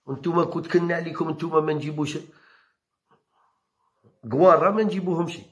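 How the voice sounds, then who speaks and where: A man with an Algerian Arabic accent who reads football news and then rants about it, combative and quick to argue back. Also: fairly high pitch, fairly even intonation. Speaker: football commentator. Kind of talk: heated football talk. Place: home channel recording.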